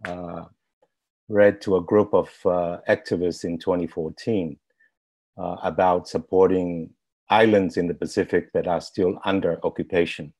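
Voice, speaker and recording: A man with a somewhat low voice speaks very slowly. He recites a poem in a measured, rhythmic way, offered as a benediction to close an online forum. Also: fairly even intonation, a little mellow. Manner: slow, measured poetic recitation. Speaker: stand-in poet.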